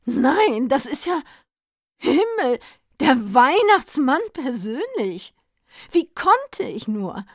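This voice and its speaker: A woman's voice: high-pitched, sing-song, slow, no echo, clean studio sound, pitched above the performer's own voice, exaggerated voice. A woman voicing a flustered, effusive male shopkeeper who gushes and stammers. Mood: gushing. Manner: gushing, stammering.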